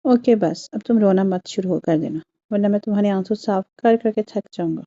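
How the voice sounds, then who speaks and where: A woman's voice: mid-range voice, normal speed, dark tone, lo-fi sound, lightly acted. A woman voicing a good-humoured young husband who teases his wife with dry humour. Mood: teasing.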